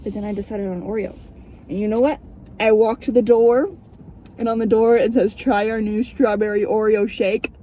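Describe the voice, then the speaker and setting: A woman's voice: mid-range voice, fairly even intonation, normal speed, warm tone, low-quality recording. A young woman in a casual car vlog, talking candidly and a little theatrically with plenty of swearing. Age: young adult. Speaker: vlogger. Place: inside a car. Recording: background noise inside a car.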